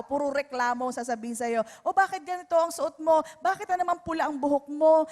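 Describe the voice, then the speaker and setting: A woman preaching a sermon to parents, switching between English and Tagalog and checking in with "Alright?" after each point. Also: high voice. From Philippines. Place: church hall. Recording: long reverb of a church hall.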